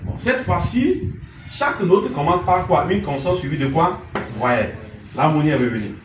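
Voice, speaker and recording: Lively male music teacher, echoey room. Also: fairly high pitch, moderate pace. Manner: asks questions and answers them himself; sings note names in scales. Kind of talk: classroom lesson. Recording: echoey room, mic far off, loud noise.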